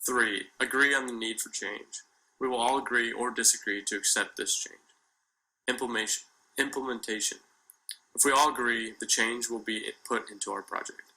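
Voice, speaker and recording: A young man from Kentucky, a student reading a formal class presentation in a steady manner. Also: medium pitch, moderate pace, low-quality recording.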